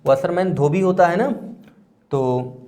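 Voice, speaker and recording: Male tutor, high-pitched, patient explainer in an exam-prep class. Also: expressive, measured pace, warm tone, slight background noise. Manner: explains patiently, often checks with "theek hai". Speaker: teacher. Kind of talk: exam-prep grammar lesson.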